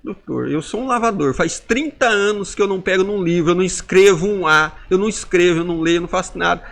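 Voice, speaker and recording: A man in his forties recounts a turning point in his life with raw intensity. His gravelly voice sits a little high, and he voices the inner dialogues as he goes. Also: quick pace, fairly bright tone. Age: 40s. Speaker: podcast guest. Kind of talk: emotional personal testimony.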